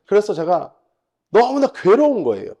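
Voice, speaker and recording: A male pastor preaching with an animated, lively voice that leaps up and sinks low. There is a gravelly edge to his tone, and he moves from forceful bursts to quiet stretches. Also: normal speed, muffled recording. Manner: emphatic, swings between loud and soft. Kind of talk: sermon.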